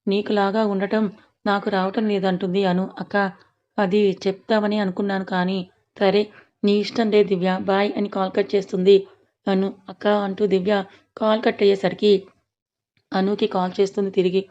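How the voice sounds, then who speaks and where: A woman's voice: mid-range voice, flat delivery, normal speed, darkish tone, lo-fi sound. A woman telling a serialized story, reading the characters' lines inside her narration. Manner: reads dialogue inside plain narration.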